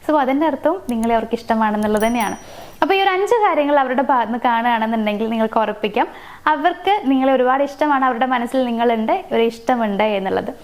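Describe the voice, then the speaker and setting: Woman, high voice, fast talker, relationship advice, numbered points, chatty fillers. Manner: explains in numbered points with fillers and self-corrections. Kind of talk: casual advice talk to camera.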